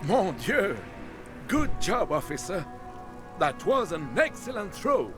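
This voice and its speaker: A genial old man in a video game. His voice sits fairly high and moves around expressively, placating and encouraging. Music is clearly audible behind him. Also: big pitch swings, takes it slowly, full character voice. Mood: admiring. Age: older. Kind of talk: video game character acting.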